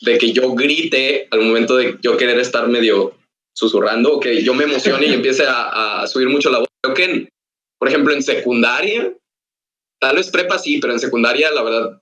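A young man from Mexico talking in a relaxed, thoughtful way as a podcast guest. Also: mid-range voice, fairly quick. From Ciudad Victoria, Mexico. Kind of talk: casual podcast chat.

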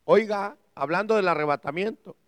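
A male pastor preaching a sermon, swinging from hushed asides to shouts and often addressing listeners as brother. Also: sits high, moderate pace, clear, resonant tone, dry recording. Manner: keeps calling listeners "hermano".

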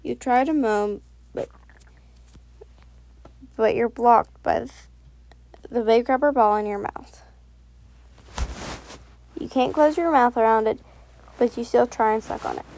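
A woman narrating a second-person audio story in a soft, unhurried read, now and then correcting herself. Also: a little high, vocal fry, dry recording.

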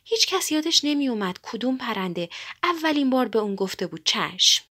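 A woman reads a children's story aloud in a gentle, expressive manner. Her voice sits fairly high and moves with animated, lively pitch.

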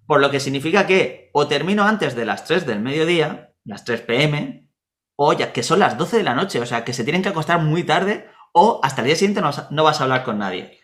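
A man's voice: on the high side, a little fast. A man from Murcia with a Spanish accent, telling personal stories in a casual chat and acting out the dialogue. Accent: Spanish from Spain. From Spain, Murcia. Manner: animated anecdotes, acts out dialogue.

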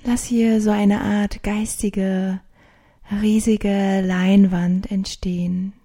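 A woman narrating a guided sleep meditation in a soft, hushed, soothing, partly whispered voice with long pauses, like a sleep story narrator. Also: medium pitch, flat delivery. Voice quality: soft, breathy.

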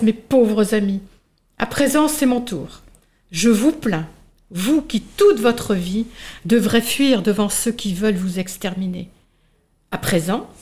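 A woman voicing a small, frightened female caterpillar in a children's story, speaking in a high, plaintive voice. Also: darkish tone, close to an everyday voice.

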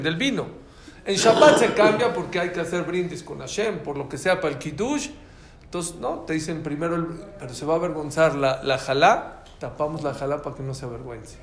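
A man teaching a lively religious class, telling stories and quizzing his listeners. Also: high voice, a little hiss or hum. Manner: animated storytelling, quizzes listeners. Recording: echoey room, faint ambience.

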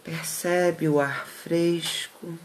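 Mid-pitched voice, extremely slow pace, soothing guided relaxation, long pauses between short phrases. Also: steady tone. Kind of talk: slow guided meditation narration.

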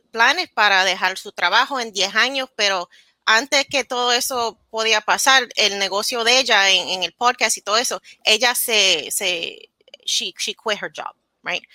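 This is a woman in her thirties from New Jersey, United States, candidly recounting her story as a casual interview guest. She switches into English words mid-sentence, her fairly high voice sharp in tone, with no room sound at all.

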